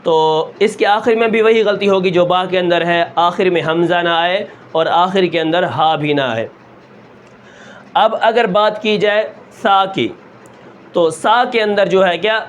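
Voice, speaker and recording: A man teaching Quran recitation step by step, asking questions and answering them himself, and stretching sounds slowly to show them. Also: high-pitched, a little hiss or hum. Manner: asks the class a question, then answers it himself; draws out sounds long and slow to show them.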